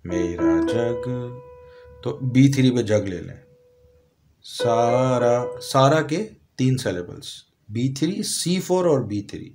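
A man with a Pakistani Urdu accent, calmly explaining a piano lesson step by step, sometimes singing short lyric lines slowly. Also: mid-range voice. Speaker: music teacher. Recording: piano playing behind voice.

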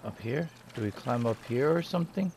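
Gravelly man joking over gameplay. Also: mid-range voice, animated, brisk, darkish tone, a little hiss or hum. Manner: jokey, sarcastic asides. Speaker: gameplay commentator. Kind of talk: let's play commentary.

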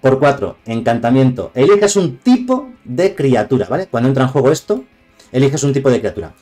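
A man's voice: mid-range voice, very animated, fairly quick, dark tone, soft background music. A man from Spain with a Castilian accent, chatting casually and digressively on a live stream, reviewing cards and greeting viewers. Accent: Castilian Spanish.

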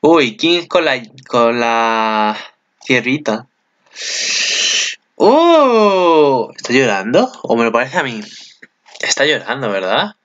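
Excitable bright-voiced Spaniard, lo-fi sound. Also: male voice, measured pace. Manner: excitable, chatty, with sudden high exclamations. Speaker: video commentator. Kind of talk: casual reaction commentary.

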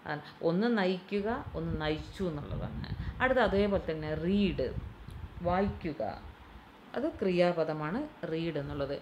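In a training institute classroom, a woman instructor with a Malayali English accent explains English pronunciation, repeating words and spelling them out letter by letter. Her voice is lowish and darkish at normal speed, with the highs cut off and a little hiss or hum.

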